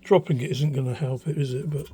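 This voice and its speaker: Speaking quickly at a medium pitch, an older man shows off his radio restoration hobby in an unscripted, casual demonstration. He comes across as hesitant and thoughtful. The setting is a small, cluttered room indoors, and the sound from the handheld phone behind the camera is very noisy.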